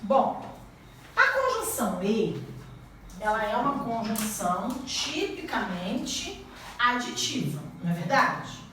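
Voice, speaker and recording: A woman's voice: fairly high pitch, big pitch swings, slow pace, sharp tone, slight background noise. A Brazilian woman teacher giving a classroom grammar lesson, quizzing students with rising questions. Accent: Brazilian Portuguese. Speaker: Portuguese teacher. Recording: echoey room, mic at a distance.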